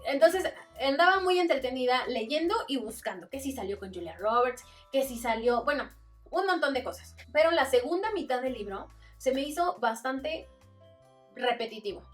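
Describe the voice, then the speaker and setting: A woman's voice: sits high, lively intonation, moderate pace, far from the mic, faint music behind. A woman with a Mexican accent, chatting casually in a book review vlog and acting out little quoted exchanges. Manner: chatty, acts out quotes with voices.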